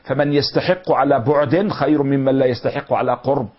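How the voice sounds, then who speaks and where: Husky-voiced man lecturing. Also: mid-range voice, fairly even intonation. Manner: explains slowly, repeating and glossing words. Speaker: teacher. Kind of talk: lecture explaining classical poetry. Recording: dull lo-fi recording.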